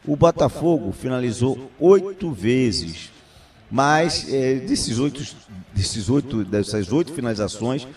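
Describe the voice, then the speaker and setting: Dark-voiced Brazilian man analysing football. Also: mid-range voice, animated, takes it slowly, recorded from a distance. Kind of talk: unscripted football commentary.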